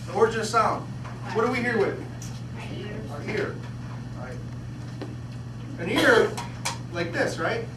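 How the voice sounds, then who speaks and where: A man's voice: sits high, measured pace, long pauses. Male teacher, classroom demo, questioning manner; distant mic, noisy room. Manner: lively, questioning, repeats words. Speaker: physics teacher. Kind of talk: classroom demonstration. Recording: echoey classroom, distant mic, background noise.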